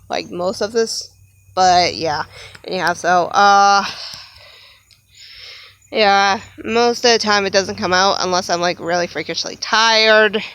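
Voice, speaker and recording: A woman's voice: mid-range voice, a bit bright, clear, resonant tone, no echo. A young adult woman talking casually in a rambling vlog monologue, laughing often and breaking off to apologize. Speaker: vlogger.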